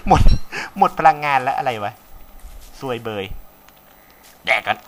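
A man's voice: medium pitch, wildly swooping pitch, slow pace, a bit bright, slight background noise. A young man casually commenting as he plays a game, chatty with viewers, swearing freely and talking with a slight cold. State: has a cold. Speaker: gaming commentator. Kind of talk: casual let's play commentary. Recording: faint game music behind.

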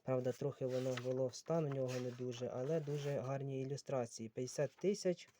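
A man sorting old books on camera, unhurried and musing as he reads titles aloud. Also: medium pitch, fairly even intonation, mellow, slight background noise. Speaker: book collector vlogger. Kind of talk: casual talk while sorting books.

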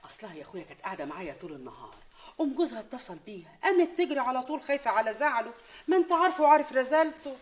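An actress with an Egyptian accent playing a middle-aged mother and wife, loud and scolding, often breaking into laughter. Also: high-pitched, very animated, very fast, a little hiss or hum. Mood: welcoming. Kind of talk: film acting.

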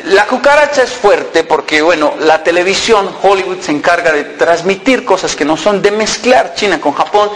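A man in his thirties from Colombia, giving a humorous motivational talk with lively comic storytelling and acted-out dialogue. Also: sits high, moderate pace, hardly any pauses, rough recording. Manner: animated, acts out quoted dialogue with mock voices; lively comic timing, self-mocking. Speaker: motivational speaker.

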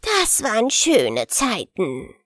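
A woman's voice: fairly high pitch, huge pitch swings, slow pace, a bit bright, dry recording, studio quality, heavily acted. A woman voicing a grumpy old male willow stump in a storybook, scolding and growling. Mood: reminiscing.

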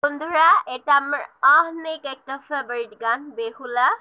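Hoarse bright-voiced woman with a cold. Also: normal speed, low-quality recording. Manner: soft, low-key talking between loud sung lines. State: sick with a cold, voice cracked. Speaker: vlogger. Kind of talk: casual chat and singing along.

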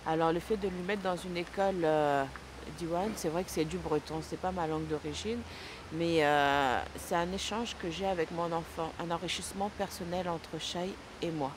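A woman's voice: lowish voice, steady tone, moderate pace, background noise. A woman from the Democratic Republic of the Congo, a parent, speaking earnestly in an interview.

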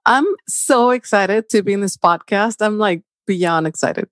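A middle-aged woman with a Venezuelan Spanish accent talks as a podcast guest. She is lively and playful and shares personal stories openly. The sound is close and dry. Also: mid-range voice, a little slow, no room sound. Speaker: podcast guest, holistic life coach. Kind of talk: casual interview chat.

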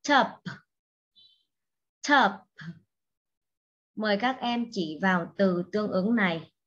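Slow, patient woman teaching children. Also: mid-range voice, fairly bright tone, lo-fi sound. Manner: patient, repeats words for pupils to echo. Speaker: primary school English teacher. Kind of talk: slow classroom instruction for young children.

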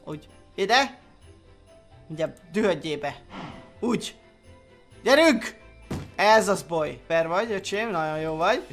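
A man's voice: high voice, long pauses, soft background music. A man doing chatty let's play commentary on a game, reading its story aloud and muttering to himself as he plays. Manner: animated, chatty, mutters under his breath. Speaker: gaming YouTuber.

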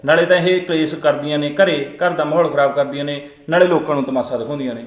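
A man's voice: a little high, fairly even intonation, quick pace, lightly acted. A man acting a younger brother who is weary of the family fights and readily gives way to his elder brother. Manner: weary, accommodating. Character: younger brother fed up with daily quarrels. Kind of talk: family comedy skit acting. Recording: echoey room with music.

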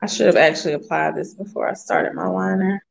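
A woman co-hosting a live makeup show, chatting casually through a tutorial with relaxed, drawn-out phrasing. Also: on the low side, creaky, low-quality recording. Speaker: co-host of a makeup livestream.

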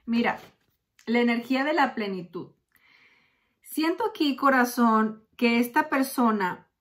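Chatty woman tarot reader. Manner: warm, chatty, calls the listener "corazón"; acts out quotes with quick pitch jumps. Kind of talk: tarot reading monologue.

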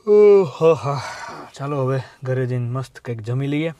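A man's voice: medium pitch, animated, unhurried, dark tone, highs cut off, a little hiss or hum. A young man, vlogging his family life in a chatty, teasing way on a handheld phone camera. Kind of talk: casual vlog narration.

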